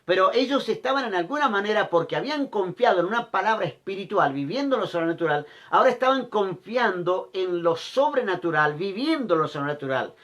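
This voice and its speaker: A man's voice: high-pitched, expressive, fairly quick, few pauses, a bit bright. A male pastor preaching a sermon, repeating key phrases and asking the listeners rhetorical questions.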